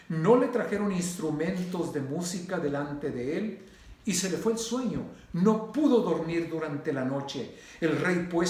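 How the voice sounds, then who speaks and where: A man's voice: high voice, very echoey. A man preaching a sermon with impassioned, rhythmic repetition of his phrases.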